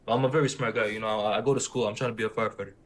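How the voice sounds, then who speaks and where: A young man from Syria who grew up in the Detroit area calls in to a casual debate, his slight Arabic accent audible. He talks rapid-fire in a lowish, fairly even voice, rambling and repeating himself insistently, with a little hiss or hum on the line.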